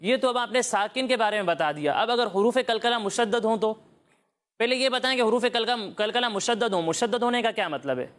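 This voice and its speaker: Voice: mid-range voice, fairly bright tone. Patient Quran teacher quizzing children. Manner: patient quizzing, models sounds slowly. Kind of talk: children's Quran recitation lesson.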